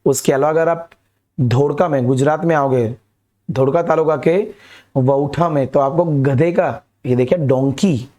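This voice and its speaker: A man's voice: mid-range voice, unhurried, warm tone. A young man explains a lesson to students directly and mixes English words into his talk. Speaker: teacher. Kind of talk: animated classroom lesson.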